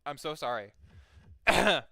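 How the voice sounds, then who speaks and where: A man's voice: fairly high pitch, lively intonation, slow pace, vocal fry, pushed and bright, no room sound. A young man streaming a game, chatting casually and reading game text aloud, rambling with many fillers and restarts and swearing freely.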